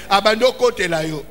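A male pastor delivers a fervent sermon, his voice high and bright as he calls out in emphatic bursts. He speaks in slow, stretched phrases. The sound carries a long hall reverb over faint background ambience. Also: slight background noise. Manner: impassioned, calling out in emphatic bursts.

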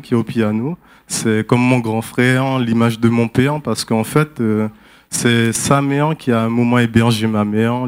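At a church service, a man from French Guiana gives a personal testimony in a candid, conversational way, pausing often. His voice sits at an ordinary middle pitch, with a smooth, darkish tone.

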